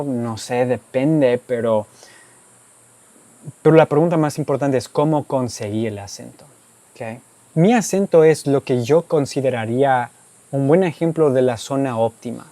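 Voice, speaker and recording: Warm-voiced man explaining in learned Spanish. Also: medium pitch, normal speed, no room sound. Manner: explanatory, tags statements with "¿ok?" and "¿verdad?"; speaks Spanish as a learned second language. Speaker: YouTuber answering viewer questions. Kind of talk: casual Q&A monologue.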